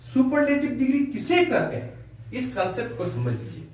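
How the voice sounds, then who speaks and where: A man teaching a grammar lesson to a class, slowly spelling out words letter by letter and asking rhetorical questions. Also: extremely high pitch, sing-song, a little mellow, slight background noise. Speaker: English teacher. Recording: very echoey room, from far off.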